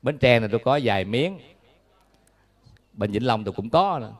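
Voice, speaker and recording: A man's voice: mid-range voice, animated, a little fast. A man with a Southern Vietnamese accent, a Buddhist monk giving a dharma talk in a folksy, humorous way, telling stories and asking the audience questions.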